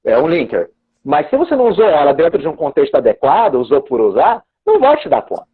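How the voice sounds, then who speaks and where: A man's voice: on the high side, wildly swooping pitch, fast talker, slightly rough. A man, an English teacher and exam examiner explaining on a live stream, often restarting his words. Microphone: video call. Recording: dull lo-fi video call audio.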